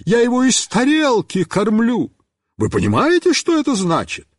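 A man voicing a fussy middle-aged woman neighbor with a shrill, squealing voice, huffing and boiling over with indignation. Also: huge pitch swings, moderate pace, no echo, heavily acted. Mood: indignant.

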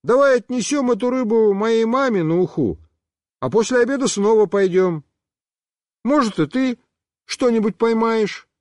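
A man's voice: very high-pitched, animated, normal speed, darkish tone, no echo, pitched above the performer's own voice. A man voicing a cheerful, bold little boy in a storybook reading. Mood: eager.

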